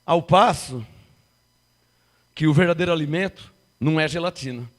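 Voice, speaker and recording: A man in his fifties preaching a sermon, firing rhetorical questions at the congregation and swinging from loud to hushed. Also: on the high side, normal speed. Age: 50s.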